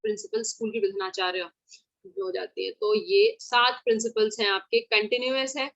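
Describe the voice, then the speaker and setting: A woman leads a relaxed exam-prep lesson in a fairly high voice. She chats informally, drops in English terms and spells words out letter by letter. The sound is dry and close, with almost no room echo. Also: normal speed. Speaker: teacher. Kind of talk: online exam-prep lecture.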